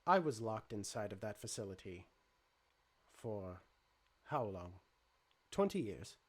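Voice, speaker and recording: A man voicing a vengeful but polite male robot in a tabletop game, speaking in low, measured, formal sentences. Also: very animated, husky, exaggerated voice. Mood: grim.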